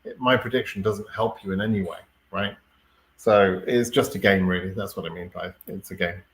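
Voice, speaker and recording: A man hosting a live question-and-answer stream, explaining things in a relaxed way and often checking in with "right?" and fillers. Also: deep voice, moderate pace, reverberant. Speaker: host answering viewer questions. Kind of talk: live Q&A chat.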